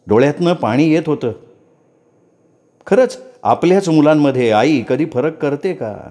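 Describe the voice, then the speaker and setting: A man reading a story aloud in an expressive first-person narration. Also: medium pitch.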